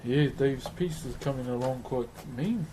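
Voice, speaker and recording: Kiwi bloke w broad nz accent, relaxed streamer chat, noisy ambience behind him. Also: male voice, mid-range voice, moderate pace. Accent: broad New Zealand. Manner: laid-back, matey, chatting with viewers. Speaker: livestream host. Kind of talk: casual livestream chat while carving. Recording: clearly noisy background ambience.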